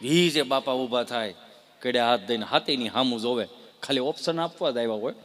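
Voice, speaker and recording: A male stand-up comedian, telling jokes in an animated way and putting rhetorical questions to the crowd. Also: mid-range voice, brisk, very noisy.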